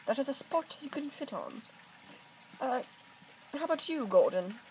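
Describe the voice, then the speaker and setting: A woman's voice: high-pitched, sing-song, normal speed, a little mellow, a little hiss or hum, pitched above the performer's own voice. A woman voicing a kindly, thoughtful male engine who speaks hesitantly. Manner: hesitant, ponderous.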